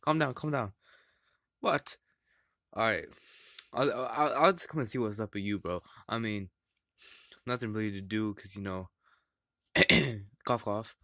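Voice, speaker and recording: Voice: medium pitch, measured pace, long pauses, a bit bright, dry recording, clean studio sound. A performer voicing a dim-witted, laid-back male chef puppet in a plush comedy sketch, mumbling and trailing off hesitantly.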